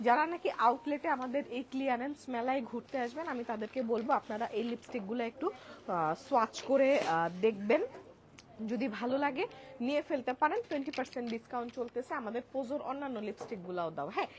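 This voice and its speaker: Live-streaming a sale from a packed indoor store outlet, this woman shows off products and chats with viewers, calling them apu and moving between quiet and loud speech. Her voice sits on the high side, expressive and fast. A clip-on mic picks her up with slight background noise from chattering shoppers.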